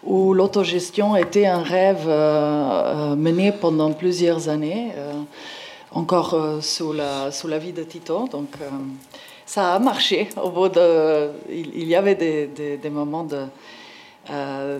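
A woman's voice: deep voice, measured pace, a little mellow. A woman in her forties with a Slovenian accent, giving an informal conference talk in a hesitant way, searching for her words. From Slovenia, former Yugoslavia. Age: 40s. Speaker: independent art curator, panel speaker.

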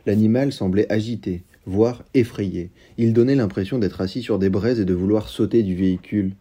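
Calm man with a dark, husky voice. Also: on the low side, normal speed. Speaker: book reviewer and reader. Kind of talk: literary review with read-aloud excerpt.

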